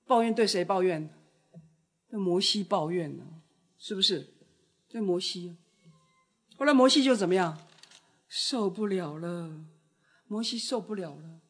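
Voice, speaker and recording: Husky-voiced woman preaching with drama. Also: fairly low pitch, animated, unhurried, pauses often. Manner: dramatic, acts out scripture voices, rises loud then drops soft. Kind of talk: sermon.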